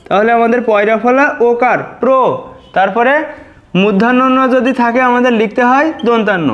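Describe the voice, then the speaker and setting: A very high-pitched man from Bangladesh gives a spoken exam-prep lesson, patiently repeating words and splitting them into syllables. The sound is lo-fi.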